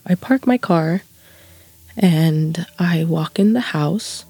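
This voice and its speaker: A woman's voice: lowish voice, slow, mellow, slightly rough, no echo, soft background music. A woman being interviewed, telling her story in an emotional way and acting out what people said. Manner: emotional, acts out quoted dialogue. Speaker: interviewee, widow recounting. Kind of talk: personal interview recollection.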